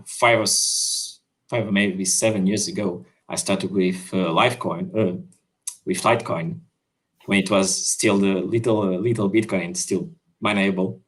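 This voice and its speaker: A Swiss-born man talks over a video call, explaining his app work with frequent pauses and "uh"s. His voice sits a little low. He sounds casual and unscripted, restarting sentences as he goes. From Switzerland. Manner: hesitant, many fillers and restarts. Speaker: crypto developer.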